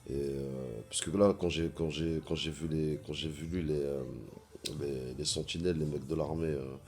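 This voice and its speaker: A man vlogging in a casual monologue, halting often with fillers and repeating words as he searches for them. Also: rumbling low, fairly even intonation, darkish tone, faint music behind.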